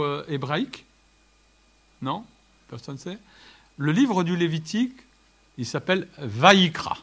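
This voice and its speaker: A man preaching a sermon, joking with the congregation and at times crying out lines at full voice. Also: a little high. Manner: lively, jokes with the audience, shouts some lines.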